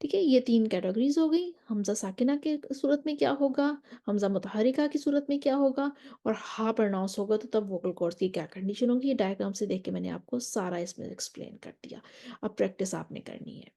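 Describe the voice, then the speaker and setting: A woman's voice: fairly high pitch, a little fast, vocal fry, mellow. A woman teaching Quran recitation in an online lesson, explaining patiently step by step over a diagram and mixing in English terms.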